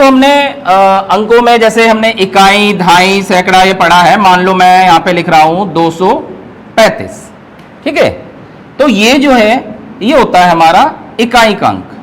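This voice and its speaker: Male teacher, online class, high voice, unhurried, patient explainer. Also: a bit bright, low-quality recording. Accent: Hindi, North Indian. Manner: slow, patient explaining, often checks in with students. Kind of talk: online math lesson.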